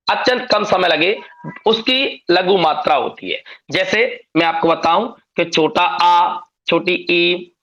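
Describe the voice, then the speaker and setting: Male classroom teacher, high and gravelly, patient step-by-step explainer who quizzes students. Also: a bit bright, rough recording. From India. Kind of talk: classroom grammar lesson.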